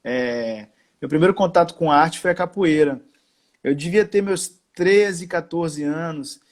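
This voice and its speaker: A man from Salvador, a guest on a live-stream interview from home, talking in a relaxed, slangy way. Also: fairly high pitch, unhurried. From Salvador, Bahia, Brazil. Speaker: actor guest. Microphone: video call.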